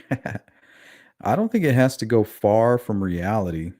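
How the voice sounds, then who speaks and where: Sing-song and slow, this lisping livestream host has a fairly low, dark-toned voice captured at studio quality with no room sound. He talks conversationally through casual true-crime commentary, reads chat aloud, and asks his audience questions.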